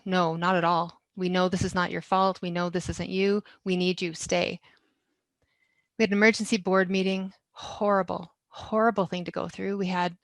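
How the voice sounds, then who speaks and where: A woman's voice: mid-range voice, no echo, clean studio sound. A woman giving a candid, emotional talk that tells a hard personal story. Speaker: speaker.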